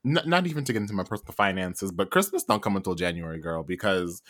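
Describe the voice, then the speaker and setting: Bright-voiced podcast co-host. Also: male voice, deep voice, fast talker. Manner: animated, trails off with many ums. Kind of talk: casual podcast chat and reading aloud.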